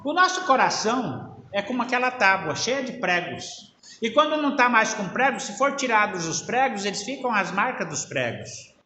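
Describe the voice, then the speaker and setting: High, lively preacher in an echoey hall. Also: male voice, moderate pace. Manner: storytelling with acted-out dialogue, swinging between loud and hushed. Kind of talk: sermon. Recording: echoey hall with faint background noise.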